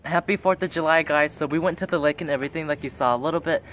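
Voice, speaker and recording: Chatty, higher-voiced teenage male vlogger. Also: rapid-fire, over loud music. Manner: chatty, rambling, exclaiming. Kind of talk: casual vlog chat to camera.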